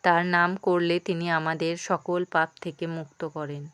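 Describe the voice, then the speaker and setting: Woman devotional storyteller, gentle preaching manner, lowish smooth voice, close mic. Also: little pitch movement, a little slow, dry recording.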